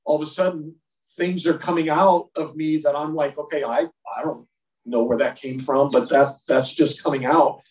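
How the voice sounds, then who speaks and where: A man leads an informal Bible lesson for a group of men, speaking in a somewhat high voice. He talks emphatically, circling back and repeating words to drive points home. The sound is roomy, picked up from away from the microphone. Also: fairly even intonation, normal speed, far from the mic. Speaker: men's Bible study leader.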